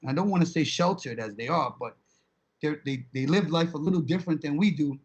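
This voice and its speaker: Animated New man telling stories. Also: fairly high pitch, a little fast, breathy edge, muffled recording. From Brooklyn, New York. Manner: animated storyteller, many restarts. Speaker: co-host. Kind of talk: casual podcast chat.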